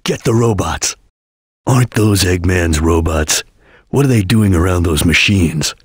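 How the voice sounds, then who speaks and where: A stoic ninja chameleon for a video game. The voice is very husky and fairly low, recorded dry. He gives terse, deliberate warnings and instructions with a serious, watchful temper. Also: dry recording. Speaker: video game character voice actor. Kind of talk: video game voice lines, hints and callouts.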